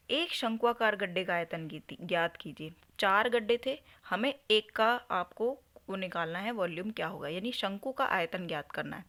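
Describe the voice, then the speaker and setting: A woman's voice: medium pitch, a bit bright. A woman teaching a maths lesson, patiently working through a problem step by step and answering her own questions. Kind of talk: explaining a solved exam problem.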